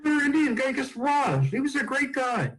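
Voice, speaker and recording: High-voiced joking male host in his sixties. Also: sing-song, moderate pace, fairly bright tone, rough recording. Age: 60s. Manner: jokey, tells anecdotes. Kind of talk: casual chat, storytelling.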